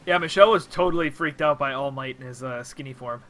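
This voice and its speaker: A man's voice: mid-range voice, fast. A young man streaming a video game, chatting casually and yelping at surprises. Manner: excitable, yelps at in-game surprises. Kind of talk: casual chat while gaming.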